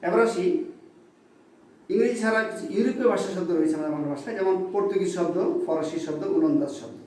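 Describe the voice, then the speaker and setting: Male teacher, high voice, slow deliberate word lists, booming echoey room with the mic set off at a distance. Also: a little mellow. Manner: slow, deliberate listing of example words. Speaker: Bangla grammar teacher. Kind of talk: classroom-style lecture. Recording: very echoey room, voice from off-mic, faint background noise.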